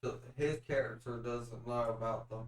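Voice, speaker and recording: A man's voice: mid-range voice, steady tone, normal speed. A man playing a tabletop game who suggests ideas and often stops and restarts his sentences. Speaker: player. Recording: echoey room, away from the mic.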